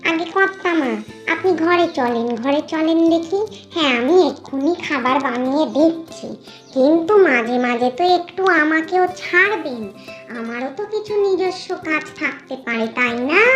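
A woman voices a sharp-tongued, fed-up ghost servant in a cartoon story, grumbling and scolding in rustic speech. Her voice sits high, the acting is light, and the mood is defiant.

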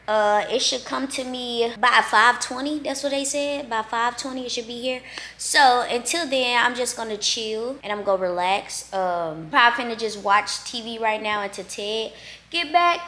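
A woman's voice: mid-range voice, a little hiss or hum. A young woman, chatting casually to viewers from her living room about her day, errands and workouts. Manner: chatty, animated, addresses viewers as y'all. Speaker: lifestyle vlogger. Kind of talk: casual vlog chat to camera. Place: bright open-plan living room, indoors.

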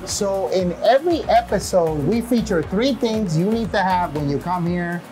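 Energetic male show host. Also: high voice, normal speed, rough recording. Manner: casual and energetic, with short affirmations. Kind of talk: upbeat show hosting. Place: small restaurant kitchen indoors. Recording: background music.

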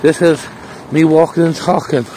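An Irish man vlogs casually while walking a snowy park path, holding his phone at arm's length and rambling chattily with playful sing-song bursts. His voice sits on the high side, warm and flat in delivery, at a normal pace. The low-quality recording carries a little hiss or hum and faint outdoor ambience.

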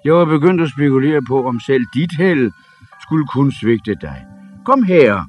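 A man voicing an old male wizard who speaks in a warm, booming, fatherly way. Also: big pitch swings, faint music behind, lightly acted. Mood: glad.

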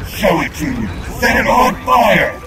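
Booming evil AI overlord. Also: male voice, big pitch swings, over a noisy crowd, exaggerated voice. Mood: menacing. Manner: slow, shouted menacing threats. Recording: distant voice over loud game noise.

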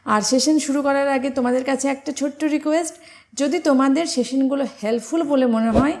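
A woman's voice: high voice, vocal fry, background noise. A young woman with a Bengali accent, teaching an exam-prep English grammar lesson and explaining each step with questions to her students.

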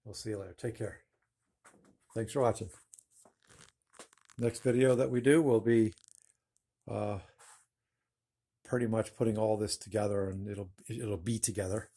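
His voice is fairly low, steady and mellow, a little slow, with long pauses. He is a man in his fifties running a woodworking channel, casually demonstrating his work in a low-ceilinged home woodshop while talking to a phone at arm's length in a rambling, self-correcting way.

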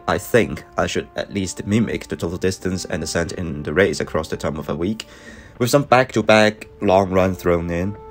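A middle-aged man narrates. His delivery is measured and reflective, like a scripted personal vlog voice-over. Music plays behind him. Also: sits low. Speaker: running vlogger. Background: background music.

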